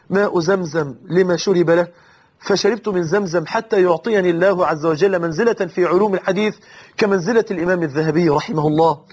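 Egyptian male preacher, sermon, husky voice, fast delivery, impassioned. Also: darkish tone. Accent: Egyptian Arabic. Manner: emotional, swears oaths, rises to high impassioned pleas.

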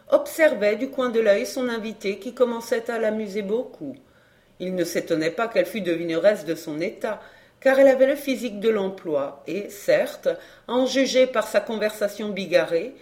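A woman reading a classic novel aloud as narrator, steady and measured. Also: mid-range voice. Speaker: audiobook reader.

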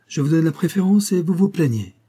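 A man's voice: a little high, animated, fairly quick, warm tone, husky, voice pushed up. Man putting on a whining old blackmailer. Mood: sly. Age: older. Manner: wheedling, falsely humble, mocking.

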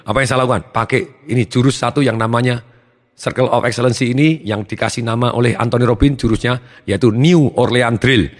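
A man giving a motivational seminar talk, energetic and acting out his students' lines. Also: medium pitch, fairly quick, in a large hall. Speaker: motivational trainer.

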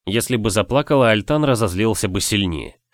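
A man narrating a novel as an audiobook in expressive storytelling. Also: fairly low pitch, fairly quick, no room sound, studio quality.

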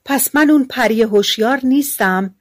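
A woman's voice: on the high side, pitched above the performer's own voice, natural voice. A woman narrator voicing a frightened, confused young farm wife who calls out in panic in a storybook reading. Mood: panicked. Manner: crying out in panic, bewildered.

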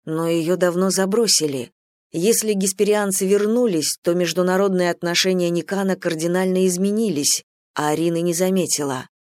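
Measured audiobook narrator, dry sound. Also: mid-range voice, fairly even intonation, a little mellow, no echo. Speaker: audiobook reader. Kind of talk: scripted narration.

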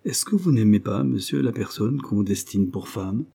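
A man reading the part of a stern, authoritative old soldier in a measured, solemn manner. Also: fairly low pitch, lively intonation, creaky, warm tone, slightly rough, exaggerated voice.

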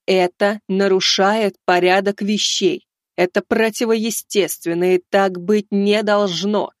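A man voicing a towering, cold female divine judge who speaks in slow, measured, commanding pronouncements. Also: high voice, fairly even intonation, no echo, studio quality, pitched above the performer's own voice. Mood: stern.

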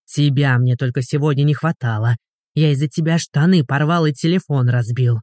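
A man's voice: on the high side, moderate pace, a little mellow, no room sound, studio quality, natural voice. A narrator voicing a rude, irritable rich city man who snarls and growls at a woman in an audiobook. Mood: snarling. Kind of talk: audiobook character voice.

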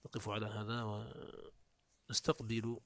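A man's voice: completely flat delivery, normal speed, a bit bright, dry recording. A man teaching Arabic morphology, reading passages from a classical text aloud and explaining them step by step. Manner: pitch jumps up when introducing quotes. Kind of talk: classical text commentary lesson.

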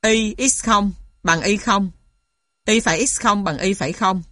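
Woman, very slow pace, methodical lecturer, scripted read-aloud narration, dry close sound. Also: medium pitch, fairly bright tone, no room sound. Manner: methodical, spells out symbols and punctuation. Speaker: lecturer reading a maths textbook aloud.

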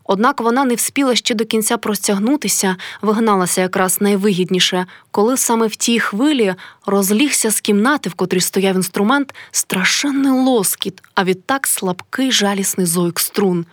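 A woman's voice: medium pitch, normal speed, no echo, studio quality. Woman reading a classic story aloud. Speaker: narrator. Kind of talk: literary audiobook reading.

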